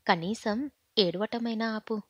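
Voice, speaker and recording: A woman's voice: on the high side, slow pace, a bit bright, no room sound. A woman voicing a stern but caring young husband who talks insistently and pleads at times. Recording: slightly muffled audio.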